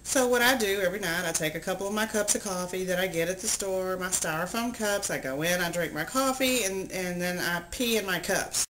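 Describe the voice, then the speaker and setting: A woman's voice: on the low side, fairly quick, hardly any pauses, a little hiss or hum, poor audio. A middle-aged woman talking casually to camera in a vlog, chatty and rambling, telling stories with lots of ums. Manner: chatty, rambling, animated storytelling with many ums. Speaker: vlogger.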